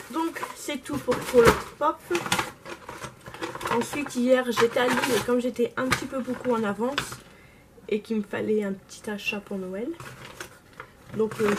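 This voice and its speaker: A woman's voice: fairly high pitch, heavy background noise. A young woman vlogging casually about her makeup purchases, gushing and repeating words for emphasis. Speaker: beauty vlogger. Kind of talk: casual haul video chat.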